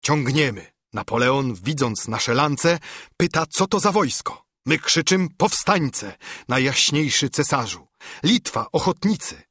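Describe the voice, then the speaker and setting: A man's voice: medium pitch, animated, a little slow, bright, forceful tone, slightly rough, no room sound, clean studio sound, voice pushed up, exaggerated voice. A man voicing a fervent old monk who urges others to rise up, in an impassioned audiobook verse reading. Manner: impassioned, urging.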